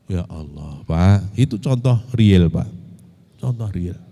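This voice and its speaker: Middle-aged male preacher, lively storytelling delivery, warm voice, reverberant hall. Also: low-pitched, slow. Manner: animated anecdotes, addresses audience as Pak and Bu. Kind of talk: storytelling sermon.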